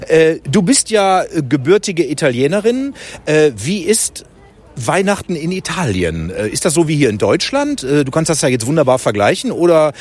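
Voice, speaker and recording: A man's voice: fairly high pitch, sing-song, normal speed, darkish tone, husky. A man hosting a podcast, interviewing a guest at an outdoor Christmas market stall with friendly questions. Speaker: podcast host. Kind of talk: casual interview.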